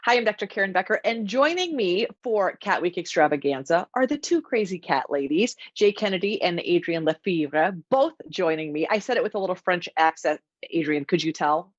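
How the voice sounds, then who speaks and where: A woman's voice: lowish voice, animated, a little fast, hardly any pauses, dry recording, highs cut off. A woman hosting an interview who talks in an effusive, complimentary way. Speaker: host.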